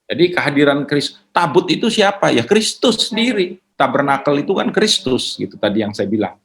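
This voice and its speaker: A man answering questions in a relaxed, conversational teaching manner, mixing in English words. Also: on the high side, brisk. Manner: casual, mixes in English words.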